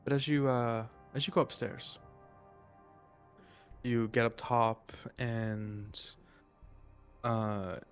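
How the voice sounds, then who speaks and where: A man narrating as the game master of a tabletop game, in loose, filler-heavy narration that speeds up in sudden rushes. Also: medium pitch, steady tone, faint music behind.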